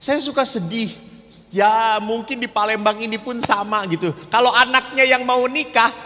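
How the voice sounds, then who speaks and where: High, bright-voiced man joking from the pulpit. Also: fairly even intonation, normal speed. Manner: joking storyteller who acts out voices. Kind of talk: humorous seminar talk. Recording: reverberant hall, faint noise.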